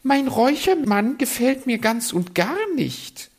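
A man voicing a vain, fussy female magpie in a read-aloud story, with a shrill, indignant way of talking. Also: lively intonation, measured pace, full character voice. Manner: shrill, indignant, fishing for compliments.

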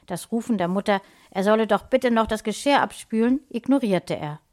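A woman author reading her own short story aloud in a calm, even storytelling voice. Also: mid-range voice, moderate pace. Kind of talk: storybook narration.

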